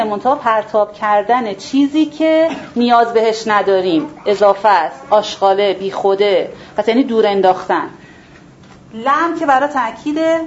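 A woman with a fairly high voice explains scripture to her class, posing rhetorical questions and answering them herself. She repeats key words to drive a point home. The recording is dull and lo-fi, with a faint hiss underneath. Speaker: Quran teacher. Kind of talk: explanatory religious lesson to a class.

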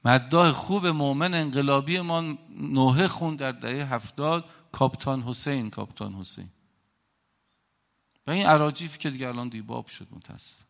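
A middle-aged man from Iran giving an impassioned religious lecture, telling stories dramatically with sudden swings in loudness. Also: fairly high pitch, vocal fry, few pauses. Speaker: religious speaker.

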